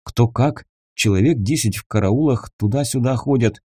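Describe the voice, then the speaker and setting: A man's voice: mid-range voice, mellow, slightly rough, no room sound, studio quality, natural voice. A man voicing a frightened young male captive who talks nervously and in a hurry. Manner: nervous, hurried, gulping.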